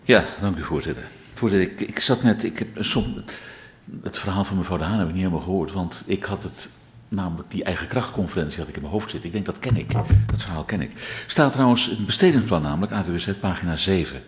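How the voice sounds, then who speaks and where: A man with a fairly low voice answers council members as alderman. He explains at length and turns formally to each member in the chamber. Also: expressive, fast. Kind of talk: formal council debate reply.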